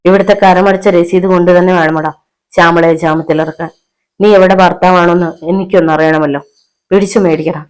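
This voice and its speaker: Woman doing a shrill spiteful older mother-in-law. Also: fairly even intonation, normal speed, darkish tone, clear, resonant tone, lightly acted, poor audio. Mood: scolding.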